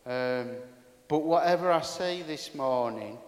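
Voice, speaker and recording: A man's voice: fairly high pitch, a little slow. A pastor preaching a sermon to his congregation in a chatty, candid, self-deprecating way, his voice carrying a big hall echo. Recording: echoey hall with long reverb.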